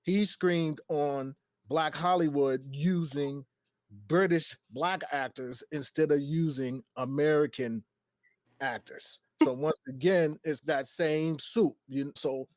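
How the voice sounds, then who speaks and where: A man's voice: fairly high pitch, takes it slowly, dry recording. A man hosting a casual podcast chat, thinking aloud and putting questions to his co-hosts. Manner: conversational, thinks aloud with restarts. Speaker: podcast host.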